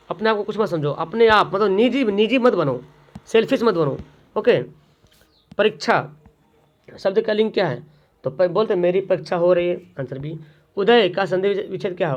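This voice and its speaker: A man's voice: sits high, dull audio. A man, tutoring students through exam questions, repeating each question and then answering it himself.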